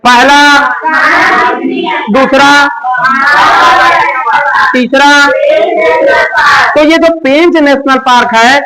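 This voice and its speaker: A man teaching a class, loudly quizzing students and having them repeat answers back to him. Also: extremely high pitch, extremely slow, long pauses, very noisy. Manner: loud, call-and-response questioning. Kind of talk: classroom lecture with memory tricks.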